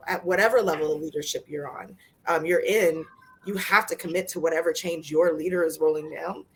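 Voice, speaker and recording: A woman speaking earnestly as a panelist in a casual discussion, plain-spoken and quick to laugh. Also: medium pitch, a bit bright, husky.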